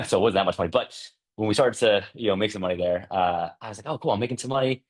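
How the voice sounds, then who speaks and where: A chatty man in his thirties leading a workshop, his voice sitting a little low. He talks loosely and keeps checking in with the audience, and his pitch jumps up when he acts out old conversations. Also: fast talker. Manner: chatty, peppered with "right?" and "like"; acts out past dialogue with lively jumps in pitch. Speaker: workshop presenter. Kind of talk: casual workshop talk.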